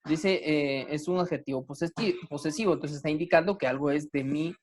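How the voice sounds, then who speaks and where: A man's voice: on the high side, a little fast, a little hiss or hum. Hesitant man teaching a class. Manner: hesitant, many fillers and restarts. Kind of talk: online class lecture.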